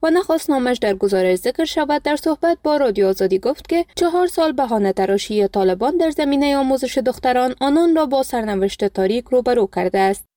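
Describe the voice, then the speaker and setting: A woman newsreader with an Afghan Dari accent and a fairly high but mellow, dark-toned voice. She reads scripted news in a steady, formal way. The studio sound is close and dry. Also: hardly any pauses, dry recording. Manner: even, formal read delivery. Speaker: news reader. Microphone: studio mic.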